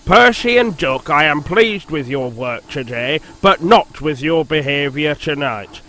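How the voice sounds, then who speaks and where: A man voicing a stern, portly older railway boss in a storybook reading, slow and booming. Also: animated, bright, forceful tone.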